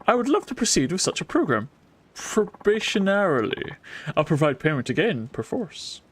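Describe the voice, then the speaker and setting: A grandiloquent, eccentric inventor who savors every alliteration, voiced by a man with a raised, swooping pitch and a put-on accent that keeps drifting. He over-enunciates each word as if he were performing game dialogue on stage. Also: big pitch swings, normal speed, husky, full character voice. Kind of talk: reading game dialogue aloud.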